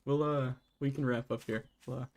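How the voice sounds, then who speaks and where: A young man in casual chat while playing a game, talkative and quick to laugh, acting out little quoted voices. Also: medium pitch, fairly even intonation, a little mellow, slight background noise. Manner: chatty, laughs often, acts out quoted voices. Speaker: streamer guest.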